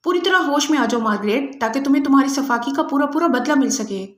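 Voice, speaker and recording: A woman's voice: sits high, animated, a bit bright, reverberant. A woman voicing a ruthless female agent who taunts her captive with cold sarcasm. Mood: sarcastic menace. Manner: mocking, sarcastic, menacing.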